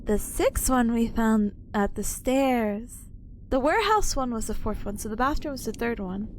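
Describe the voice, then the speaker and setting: A woman's voice: a little high, animated, moderate pace, darkish tone, a little hiss or hum. A woman streaming a game and chatting to viewers in a cutesy, bubbly, playful way. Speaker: streamer, VTuber host.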